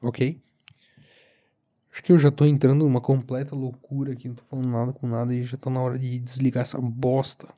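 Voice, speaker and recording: A young podcast host with a southern Brazilian accent rambles through a casual solo monologue, recorded while lying down alone. His medium-pitched voice is soft-edged, relaxed and sleepy, and he often halts mid-thought searching for words.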